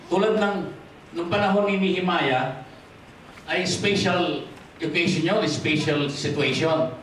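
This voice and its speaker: A Filipino pastor delivers a sermon, his fairly high voice mixing in English and prompting the congregation for amens. He lifts his voice for emphasis and sinks low and soft at the end of each point. The sound is heavily echoey, picked up from across a large hall with faint noise underneath. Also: a little slow, far from the mic. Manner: drops low and quiet at ends of points. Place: church hall.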